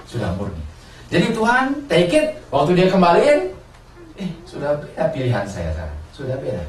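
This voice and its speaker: Lively preacher in an echoey hall. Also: male voice, mid-range voice, unhurried. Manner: animated, asks the congregation questions and answers them. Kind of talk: sermon. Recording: roomy, from a distance, faint ambience.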